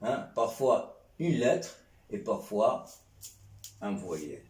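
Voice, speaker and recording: Very slow man teaching in an echoey room. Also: fairly low pitch, very animated, darkish tone. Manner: patient, repeats sounds, keeps checking with "hein?". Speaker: Arabic teacher. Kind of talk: classroom lesson. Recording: roomy echo, distant mic.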